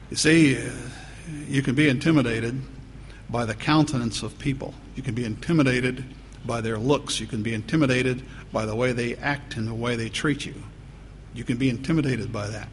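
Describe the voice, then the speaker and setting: A man's voice: mid-range voice, vocal fry. A man preaching a sermon as pastor, talking conversationally and repeating phrases for emphasis. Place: church. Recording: long church reverb, faint noise.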